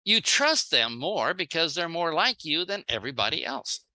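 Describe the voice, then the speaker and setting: A very bright, animated speaker with a medium pitch talks unhurriedly at a sales training seminar. Plain-spoken, he acts out short example dialogues and delivers short phrases with pauses for an interpreter.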